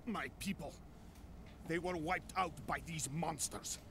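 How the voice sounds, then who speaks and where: A man's voice: fairly high pitch, steady tone, a little slow, bright, forceful tone, slight background noise. An actor playing a wounded male soldier in a video game, speaking in a fake Russian accent with a grim, weary manner. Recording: game audio with music behind.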